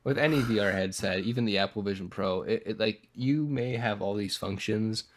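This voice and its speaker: A man's voice: on the low side, normal speed. Congested young man rambling casually. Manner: rambling, heavy filler words and swearing. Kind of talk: casual chat.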